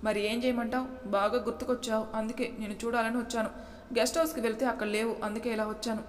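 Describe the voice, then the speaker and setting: A woman's voice: a little high, flat delivery, fast, lightly acted. A woman voicing a feisty young wife who answers back boldly, in a storybook reading. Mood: cheeky. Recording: echoey room with long reverb.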